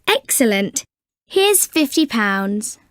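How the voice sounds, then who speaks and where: A woman playing a polite shop customer in a scripted language-lesson dialogue, enunciating clearly with exaggerated intonation. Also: fairly high pitch, big pitch swings, slow pace, fairly bright tone, no room sound, clean studio sound, heavily acted. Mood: polite, interested.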